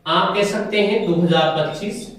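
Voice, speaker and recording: A high-pitched man teaches grammar, explaining each point in order and answering his own questions to the class. He is recorded from a distance, and his voice rings through a very echoey room. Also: normal speed. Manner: explains step by step, asks the class questions and answers them himself. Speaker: English teacher. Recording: very echoey room, mic far off.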